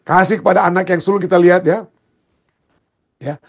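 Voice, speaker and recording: A man's voice: sits high, fairly even intonation, a little fast, vocal fry. A man preaching a sermon as a pastor, emphatic, often asking the congregation a question and answering it himself.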